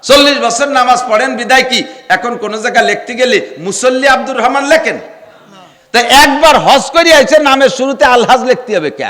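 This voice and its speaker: A male preacher gives a humorous sermon, teasing his listeners with rhetorical questions and sometimes rising to a shout. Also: very high-pitched, normal speed, big-room sound.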